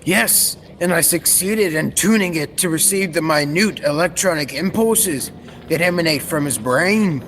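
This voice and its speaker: Speaking a little slowly with a fairly high pitch, a young male student actor portrays a proud, earnest inventor in an old-time radio serial. He explains things formally and technically. A reverberant hall and steady background noise shape the recording.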